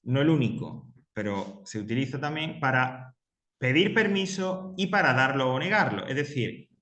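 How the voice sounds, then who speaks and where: A man's voice: mid-range voice, expressive, moderate pace, bright, forceful tone, roomy sound. A man teaching English grammar to a class, patiently explaining and repeating example sentences. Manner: patient, repeats key points, reads example sentences aloud.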